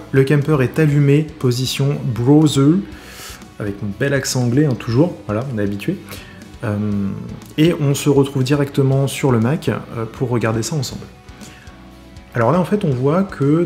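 A man's voice: mid-range voice, dark tone. Chatty man explaining a guitar tutorial. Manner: chatty, many fillers and self-corrections. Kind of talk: casual screen-recorded tutorial.

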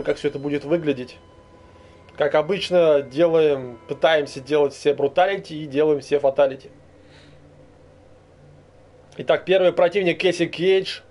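Young man's higher-pitched casual gameplay commentary. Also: a little mellow. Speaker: gamer commentating own play. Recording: faint noise, game sound behind. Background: fighting game sounds.

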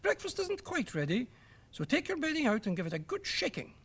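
A man voicing a brisk, fussing cave-dwelling mother in a children's story. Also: extremely high pitch, wildly swooping pitch, vocal fry, fairly bright tone, slightly rough, pitched above the performer's own voice, exaggerated voice.

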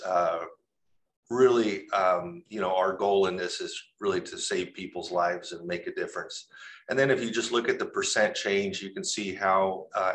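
A police captain talks through slides on a panel in a very deep voice. His tone is bright and forceful, and he stops often with fillers as he explains the numbers. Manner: hesitant, many fillers. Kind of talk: presenting data on a panel.

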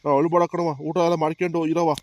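A man voicing a kind old village grandfather in a cartoon comedy, calmly reasoning with his family and comforting his granddaughter. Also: on the high side, a little fast, dry recording, lightly acted. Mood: soothing. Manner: soothing, reasoning.

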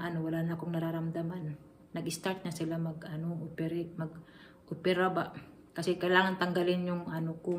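Flat-voiced Filipina vlogger, earnest. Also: female voice, lowish voice, slight background noise. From Philippines. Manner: earnest, confiding, addresses viewers directly. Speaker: family vlogger. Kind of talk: casual personal storytelling to viewers.

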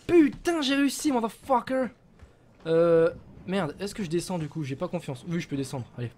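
A young man giving excitable let's play commentary, swearing a lot and shouting at enemies. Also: sits high, normal speed. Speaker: gaming channel host.

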